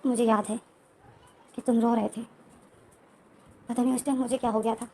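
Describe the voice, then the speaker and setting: A woman's voice: on the high side, little pitch movement, normal speed, darkish tone, low-quality recording. A woman casually retelling a romance story scene by scene, with loose, repetitive phrasing and frequent restarts.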